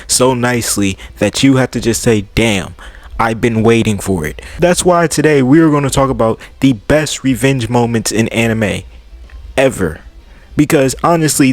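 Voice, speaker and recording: A young man rambles excitedly through his anime commentary, swearing and dropping slang as he goes. His voice sits at a middle pitch. The recording is close and dry, with no room sound. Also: no room sound. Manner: animated, swearing, slangy storytelling. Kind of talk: casual commentary.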